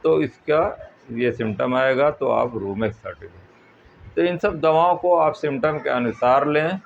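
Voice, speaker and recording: A man, a homeopathy doctor, explaining remedies in a plain, measured talk. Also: medium pitch, vocal fry. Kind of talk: health advice talk. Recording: tinny phone-like audio with faint noise.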